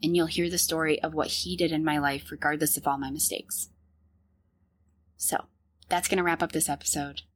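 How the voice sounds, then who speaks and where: A woman's voice: sits low, flat delivery, normal speed. A woman in her thirties hosting a podcast, telling her personal story in a candid, earnest way and laughing often. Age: 30s. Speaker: podcast host.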